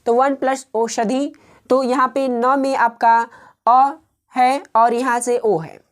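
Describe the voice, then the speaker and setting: A woman teaching grammar, patient and repetitive, who walks through each rule step by step with frequent pauses. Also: high voice, fairly even intonation. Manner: patient, slow and repetitive, pausing often. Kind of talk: explaining grammar rules step by step.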